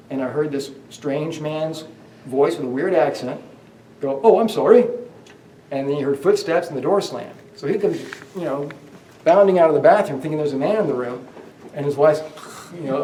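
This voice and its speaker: Walking guests through a hotel hallway, this man tells ghost-tour tales in a meandering way, full of restarts and filler words. His voice sits a little high but has a dark tone. He's far off-mic in an echoing space, with a faint hiss or hum.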